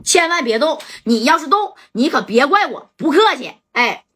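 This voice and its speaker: A woman voicing a tough, steady man who speaks firmly and defiantly. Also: high-pitched, moderate pace, voice pushed up. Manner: firm, defiant. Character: steady, tough male fixer who stands up to his foes.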